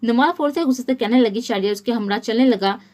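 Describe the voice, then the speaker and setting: A woman narrating a romance novel as an audiobook in a steady, even storytelling manner. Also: fairly high pitch, fast.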